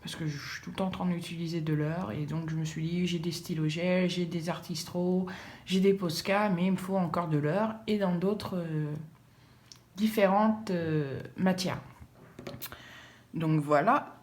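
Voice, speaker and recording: A woman's voice: lowish voice, steady tone, unhurried, a little mellow. A woman chatting casually about her art supplies, rambling with many fillers and repeated words. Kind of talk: casual chat.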